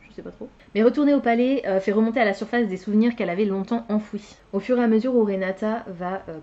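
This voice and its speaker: A woman's voice: mid-range voice, mellow, dull audio. A young woman chatting casually as a book vlogger, hesitant, with many fillers and self-corrections. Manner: laughs at her own slips. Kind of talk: casual chat.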